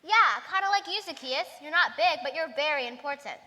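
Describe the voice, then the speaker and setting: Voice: sits high, lively intonation, a little fast, bright, forceful tone, long reverb tail, exaggerated voice. A wisecracking cartoon sidekick. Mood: teasing. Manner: teasing, wisecracking.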